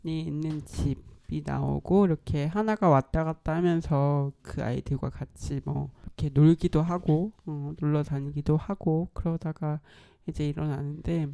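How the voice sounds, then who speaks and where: A woman hosting a radio talk show, thinking aloud in a reflective, unhurried way. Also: low-pitched, fairly even intonation, vocal fry, warm tone.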